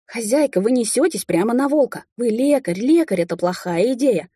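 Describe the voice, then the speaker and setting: A woman's voice: a little high, expressive, warm tone, husky, no echo, clean studio sound, voice pushed up. A woman voicing a fussy, anxious male raccoon familiar who nags and pleads in a rush. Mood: anxious lecturing. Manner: urgent, pleading, fast-talking.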